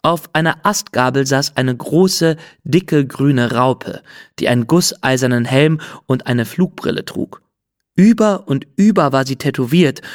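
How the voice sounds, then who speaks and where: A man narrating a children's storybook in an expressive, storytelling manner. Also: medium pitch, dry recording, clean studio sound. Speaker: audiobook narrator.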